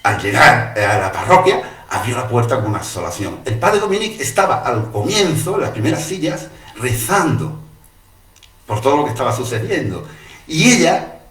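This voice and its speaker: A man telling a story in a dramatic, animated way and acting out the voices. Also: mid-range voice, normal speed. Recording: roomy, distant mic.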